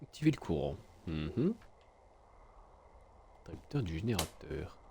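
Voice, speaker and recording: Deep-voiced man streaming a game. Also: sing-song, unhurried, gravelly, darkish tone, a little hiss or hum. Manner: casual, crude asides. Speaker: let's play streamer. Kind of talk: gameplay commentary and reading game text aloud.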